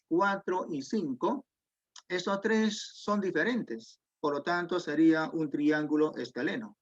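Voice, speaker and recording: Slow, high-voiced math teacher. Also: male voice. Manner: patient, explains step by step, asks students questions. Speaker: secondary school math teacher. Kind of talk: online geometry class. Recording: dull lo-fi audio.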